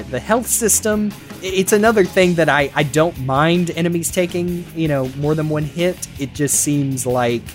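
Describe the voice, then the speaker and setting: A man co-hosting a podcast, rambling casually with lots of laughs, fillers and restarts. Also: medium pitch. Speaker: podcast co-host. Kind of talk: casual chat about games.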